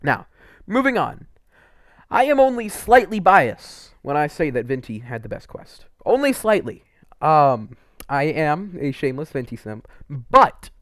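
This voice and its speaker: A man with a slightly high voice, recorded in studio quality with no echo, rambles through casual, unscripted commentary on game quests as a video creator. He's opinionated and emphatic, dropping "like" constantly along with some mild swearing.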